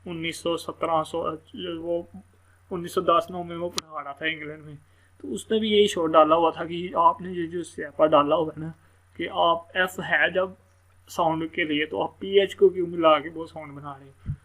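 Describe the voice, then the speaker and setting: Man, slightly high voice, casual phonics teacher, slow spelled-out examples. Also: fairly even intonation, fairly bright tone. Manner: casual, explanatory, repeats words slowly letter by letter. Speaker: English teacher. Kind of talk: screen-share phonics lesson.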